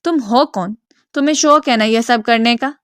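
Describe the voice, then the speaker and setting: A bitter, sick divorced man in his thirties scolds in a harsh storybook voice, a woman acting him out. The voice sits slightly high and sounds dry and close. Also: fairly bright tone, clean tone, no echo, lightly acted. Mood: bitter, angry.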